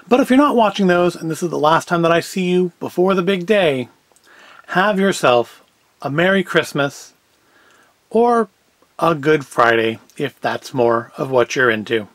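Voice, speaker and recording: His voice is a little high and a bit bright, recorded with no echo. He's a man in his forties doing a casual food review to camera, rambling along in a wry, self-deprecating way.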